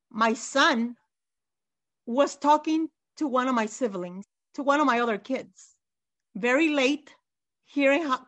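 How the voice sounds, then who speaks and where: A woman's voice: sits high, fairly bright tone. A middle-aged mother giving emotional, insistent testimony as an interview guest, near tears and repeating herself.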